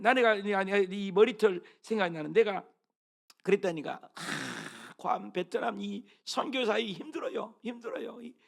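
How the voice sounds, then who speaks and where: Lively, gravelly-voiced preaching man. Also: high-pitched. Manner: animated preaching, swings from loud calls to hushed murmurs; keeps asking the congregation questions. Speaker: pastor. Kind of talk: sermon.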